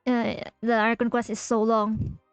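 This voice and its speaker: Slow, chatty female game streamer. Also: fairly high pitch, little pitch movement, clear, resonant tone, faint music behind. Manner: chatty, giggly, talks to her chat. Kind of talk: casual livestream commentary.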